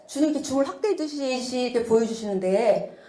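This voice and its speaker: A middle-aged woman delivers a church testimony with a high, swooping voice. She talks in an animated way, exclaiming and laughing often. The sound carries a roomy echo. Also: a little fast. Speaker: church speaker giving testimony. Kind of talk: testimony sermon.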